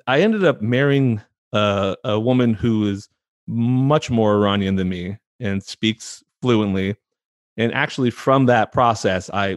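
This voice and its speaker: Raised in the San Francisco Bay Area, this chatty American man of about thirty to forty talks casually as an interview guest, often repeating words as he begins a thought. His voice is on the low side, with no echo.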